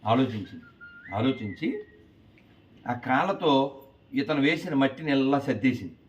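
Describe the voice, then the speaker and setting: A man telling a lively moral story to schoolchildren in an animated, coaxing way, quizzing them as he goes. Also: medium pitch, a little slow. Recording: distant, dull with faint noise.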